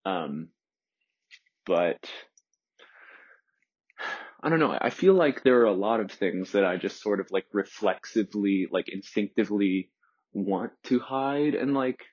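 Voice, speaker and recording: Hesitant, husky-voiced young man in his twenties. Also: on the low side, lively intonation. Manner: hesitant, soft-spoken, many pauses and fillers. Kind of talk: introspective solo monologue. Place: sitting alone in a room. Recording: dull lo-fi recording.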